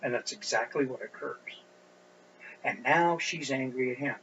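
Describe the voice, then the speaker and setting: A middle-aged man preaching an expository sermon as a pastor, speaking deliberately and pushing up his voice on stressed points. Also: mid-range voice, fairly bright tone. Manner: deliberate, with emphatic rising stresses. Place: church sanctuary. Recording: dull lo-fi recording with faint hum.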